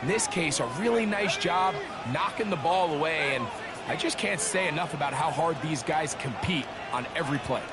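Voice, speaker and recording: A male color commentator analyzes football emphatically in a conversational, somewhat high voice. Loud noise runs behind him. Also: moderate pace.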